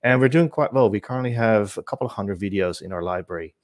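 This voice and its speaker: A man from the Netherlands talks through a webinar presentation at a relaxed conversational pace, often pausing on fillers and correcting himself. His voice sits on the low side and the recording is dry and close, as from a call microphone. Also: dry recording. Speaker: webinar speaker. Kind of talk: presentation talk.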